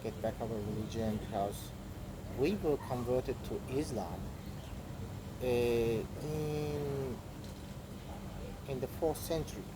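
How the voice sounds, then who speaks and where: A man with an Azerbaijani accent talking as a podcast guest, halting and repeating words for emphasis in a conversational way. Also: mid-range voice. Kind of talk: conversational interview storytelling. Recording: clear background vehicle-like noise.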